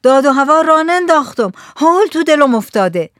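A man's voice: very high-pitched, big pitch swings, fairly bright tone, no room sound, clean studio sound, pitched above the performer's own voice, full character voice. A woman voicing a frightened fisherman. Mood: fearful. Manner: trembling, pleading, anxious. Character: frightened superstitious village fisherman.

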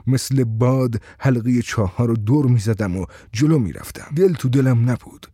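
A man reading a first-person story in a steady, conversational storytelling way. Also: mid-range voice, no echo, clean studio sound.

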